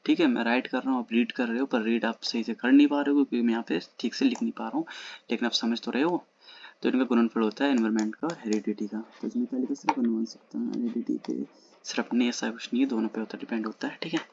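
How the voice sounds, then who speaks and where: An exam-prep teacher works through old exam questions in a casual lesson at home at night, reading each English question slowly and then explaining it quickly in Hindi. His mid-range voice is creaky and darkish, and the recording's highs are cut off.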